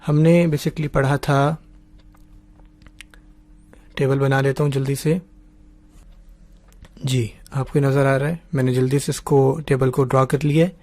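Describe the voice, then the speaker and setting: A man's voice: mid-range voice, flat delivery, a little slow, pauses often, a little mellow, no room sound. A man teaching Arabic grammar in an online class, patiently explaining and leading students through repeated drills while he writes on a board.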